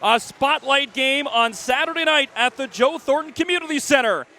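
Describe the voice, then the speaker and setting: A man's voice: very high-pitched, moderate pace, a loud crowd, heavy background noise. A man narrating a hockey recap and calling the play-by-play, building energy as the action heats up. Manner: energetic, rising for goals.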